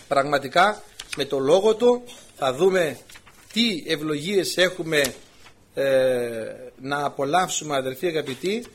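Husky and fairly bright, his voice pitched on the high side, a man preaches an impassioned sermon. He often calls the congregation brothers and asks them rhetorical questions.

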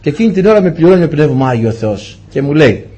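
A man preaching a sermon, telling stories and voicing the dialogue with big swings in pitch. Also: sing-song, mellow, husky.

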